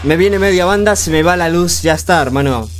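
A frantic young man, narrating a horror game live as he plays. His voice sits a little high, and he fires off rapid repeated words while joking with the game's characters. Faint game music plays underneath. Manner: jokey, talks to the game's characters. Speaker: gaming streamer.

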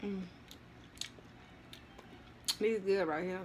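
A woman talks to her viewers with her mouth full, chewing as she goes. Her voice sits at a middle pitch, easy and drawling, recorded close up indoors. A faint hum of room noise sits behind her. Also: fairly even intonation, drawn-out words, a little mellow. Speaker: mukbang vlogger. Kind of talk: casual chat while eating.

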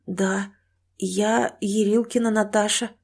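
A woman's voice: medium pitch, flat delivery, slow, gravelly, darkish tone, slightly rough, exaggerated voice. A woman narrator voicing a frightened, hurt young pregnant woman who pleads breathlessly in an audiobook. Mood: weak, fearful.

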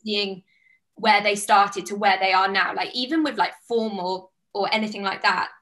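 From a small plain-walled room indoors, a guest joins a casual video call: an online fitness coach, a woman in her twenties from the United Kingdom. At normal speed, her medium-pitched voice stays steady with a fairly bright tone, and she's chatty and enthusiastic, talking with her hands.

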